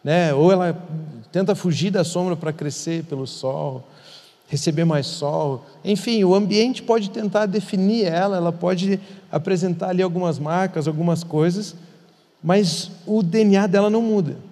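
Higher-voiced pastor teaching in a reverberant hall. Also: male voice, normal speed, mellow. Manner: earnest, repeats words for emphasis. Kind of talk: conversational podcast teaching.

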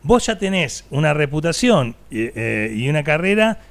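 A man's voice: fairly high pitch, very animated, normal speed, gravelly. A man with an Argentine accent hosting an interview, playful and full of hypothetical questions. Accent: Argentine Spanish. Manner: playful, sings a bit, asks hypotheticals. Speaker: interview host. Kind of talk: casual interview chat.

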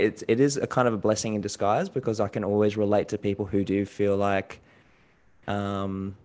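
A man's voice: fairly low pitch, darkish tone. A young man from New Zealand speaking earnestly and informally as an interview guest, reflecting on himself in an introspective way. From New Zealand, moved to Australia at five. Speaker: podcast guest, customer experience designer.

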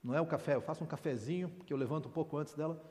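A man's voice: on the high side, rapid-fire, darkish tone. A middle-aged man, preaching informally to a men's meeting with candid humorous asides. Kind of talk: conversational sermon. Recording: long reverb in a large hall.

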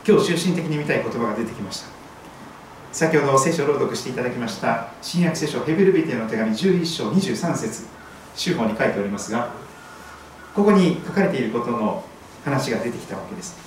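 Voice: mid-range voice, animated, a little fast, slight background noise. A pastor giving a sermon, telling a scripture story vividly. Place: church hall. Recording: very echoey hall, voice far from mic.

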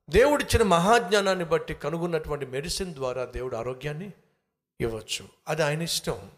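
An emphatic man preaches a sermon, weaving in a story. His voice sits rather high for a man. He keeps putting rhetorical questions to his listeners. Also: fairly bright tone.

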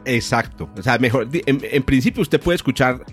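A man's voice: medium pitch, normal speed. A male podcast host with a mid-range voice. He chats and explains science informally, like a professor, with faint music behind him. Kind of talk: casual, educational science chat.

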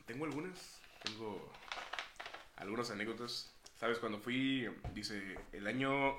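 A man's voice: mid-range voice, a little slow, very noisy. A young man co-hosting a podcast, joking in crude banter and often trailing off. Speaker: podcast co-host.

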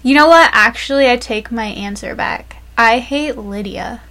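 A woman co-hosting a casual reality TV recap, enthusiastic and quick to laugh. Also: fairly high pitch, pushed and bright. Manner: giggly, enthusiastic, laughs often. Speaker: podcast co-host.

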